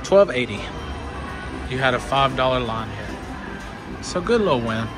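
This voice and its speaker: A man's voice: medium pitch, very animated, measured pace. A man giving casual live gambling commentary, coaching in short bursts, counting along and urging the game on. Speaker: slot machine vlogger coaching a friend. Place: indoor casino floor at a slot machine. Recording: music playing in a busy casino. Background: loud casino machine music.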